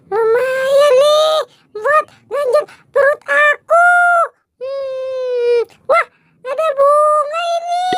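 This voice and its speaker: A performer voicing Po, a hungry, greedy cartoon character who whines and shouts. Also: very high voice, heavy background noise, full character voice. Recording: loud music underneath.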